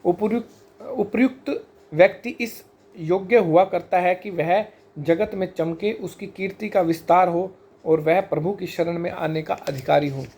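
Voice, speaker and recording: Higher-voiced man teaching scripture. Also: a little mellow. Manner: measured and explanatory, slowing to spell out sacred terms one by one. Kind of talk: explanatory scripture lesson.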